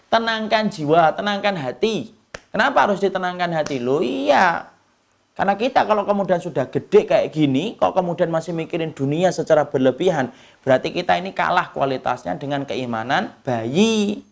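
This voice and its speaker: A man's voice: vocal fry, a little mellow. A male preacher, giving a folksy sermon that asks the audience questions and answers them himself. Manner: folksy and joking, wide swings in pitch. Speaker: Islamic preacher. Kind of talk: sermon lecture.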